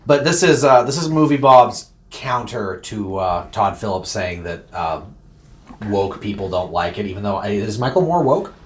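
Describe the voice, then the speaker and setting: Low-voiced man explaining context. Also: expressive, normal speed. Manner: explaining, hesitant, filler-heavy. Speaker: co-host. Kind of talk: casual reaction chat.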